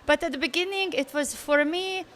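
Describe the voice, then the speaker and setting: High-voiced woman traveller. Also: normal speed. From Bosnia. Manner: animated storyteller, laughs easily, loose grammar. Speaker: guest traveller. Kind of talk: casual interview answers.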